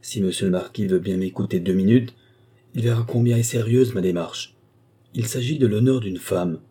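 A man's voice: fairly low pitch, moderate pace, dark tone, breathy edge. A man voicing a sly, deferential valet who talks ceremoniously and at length in an audiobook. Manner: long-winded, ceremonious. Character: adult male valet, sly, wordy, deferential.

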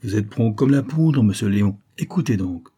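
A man's voice: lowish voice, lively intonation, moderate pace, dark tone, slightly rough. A man doing a sly old farmer. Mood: knowing, insistent. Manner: knowing, folksy, insistent. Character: sly, shrewd, good-natured old Norman farmer.

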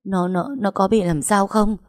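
Một người phụ nữ đọc truyện lồng tiếng một bà mẹ lớn tuổi đang hoảng loạn, gào hỏi dồn dập. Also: female voice, medium pitch, fairly even intonation, moderate pace, no room sound, clean studio sound, voice pushed up, close to an everyday voice. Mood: frantic. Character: frantic older mother, shrill and desperate.

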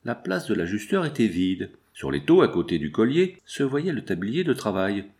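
Male audiobook narrator, lowish voice, measured storytelling. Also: big pitch swings, a little mellow. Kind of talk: scripted narration.

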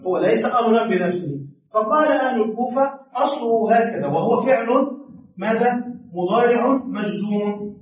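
A man's voice: very high-pitched, moderate pace. A man teaching a grammar class, asking his students questions and then answering them himself. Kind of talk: classroom lesson. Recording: echoey classroom from far off, dull.

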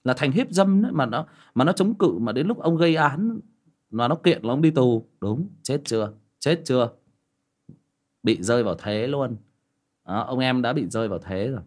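A man telling a personal story in a casual monologue, acting out the dialogue. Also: normal speed. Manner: lively, acts out quoted dialogue with pitch jumps. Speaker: storyteller giving relationship advice.

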